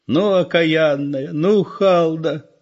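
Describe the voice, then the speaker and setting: A fussy old village woman frets and wails in a high voice, as a male reader puts her on. She is a frightened granny from a storybook. The recording sounds dull and lo-fi. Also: expressive, normal speed. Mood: fretting. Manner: fretful, wailing.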